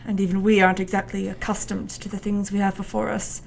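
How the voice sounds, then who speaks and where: A woman's voice: medium pitch, flat delivery, quick pace, creaky, slight background noise, close to an everyday voice, poor audio. A woman playing an anxious, courteous male Victorian doctor in a radio play, formal and a little hesitant. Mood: uneasy.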